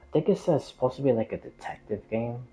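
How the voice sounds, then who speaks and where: With a warm, animated, medium-pitched voice and a quick pace, a man chats his way through a game livestream. The conversation is casual and rambling, full of hesitation and repetition. Audio quality is lo-fi, dull and muffled.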